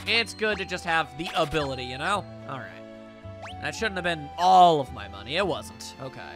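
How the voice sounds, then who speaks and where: Let's play host, mid-range voice with lively swings, wry casual commentary over clear game music. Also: mid-range voice, normal speed. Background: video game music.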